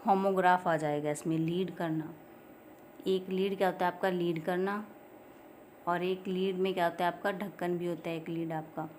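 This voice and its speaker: A woman with an Indian accent teaching an exam-prep lesson, who explains and repeats each point and reads English definitions aloud slowly. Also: medium pitch, slight background noise.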